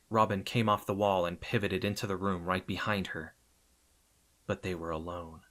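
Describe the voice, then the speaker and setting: A man narrating an adventure audiobook in a measured way, softening at the ends of phrases. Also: sits low.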